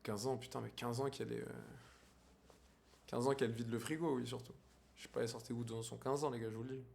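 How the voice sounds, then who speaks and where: A man's voice: mid-range voice, fairly even intonation, quick pace, creaky, a little mellow, a little hiss or hum. A man with a French accent streaming casually, crude and joking, mixing in English and Spanish. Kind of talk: casual live-stream chat.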